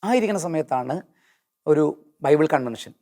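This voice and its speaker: Guy telling his faith story, earnest, slows right down on hymn lines, voice a bit high. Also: expressive, darkish tone. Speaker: guest giving testimony.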